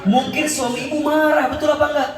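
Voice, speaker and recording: A man's voice: extremely high pitch, steady tone, fast. A man preaching a humorous sermon, quizzing the congregation and acting out scenes. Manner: joking, questions the crowd, acts out scenes. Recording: echoey hall, mic far off.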